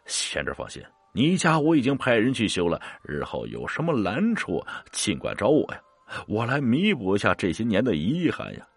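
A man voicing an obsequious county magistrate flattering a newly successful scholar. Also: lowish voice, normal speed, gravelly, slightly rough, dry recording, exaggerated voice. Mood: fawning.

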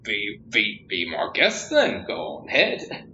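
A man's voice: on the low side, wildly swooping pitch, slow pace, sharp tone, dull audio, a little hiss or hum, heavily acted. A man voicing a grudging, sarcastic adventurer in a tabletop game, with a theatrical drawl.

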